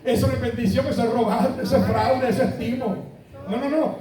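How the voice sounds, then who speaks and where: High-voiced Puerto Rican preacher in echoey church. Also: male voice, fairly even intonation, fairly quick, dark tone, distant mic. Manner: preaching with rhetorical questions and anecdotes. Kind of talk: sermon. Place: church sanctuary.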